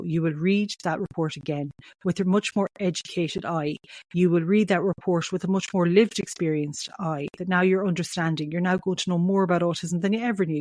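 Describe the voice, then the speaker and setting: A middle-aged Irish woman with a west of Ireland, County Mayo accent speaks quickly in a lowish register for a woman. She talks straight to the listener in a heartfelt, reassuring podcast style, recorded close and dry. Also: a little mellow, no echo. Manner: reassuring, addresses listener directly, asks and answers own questions. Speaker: podcast host. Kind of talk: heartfelt solo podcast talk to parents.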